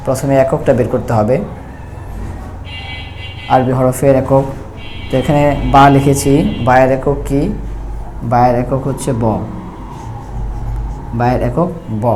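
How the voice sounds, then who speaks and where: A man teaching Quran reading, explaining step by step and repeating each letter sound slowly. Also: mid-range voice, mellow, a little hiss or hum. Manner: slow, repetitive, drawn-out letter sounds. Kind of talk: step-by-step recitation lesson.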